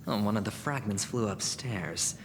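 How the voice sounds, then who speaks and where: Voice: low voice, normal speed, background noise, close to an everyday voice. An actor voicing a cocky, playful male gambler in a video game. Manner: breezy, teasing.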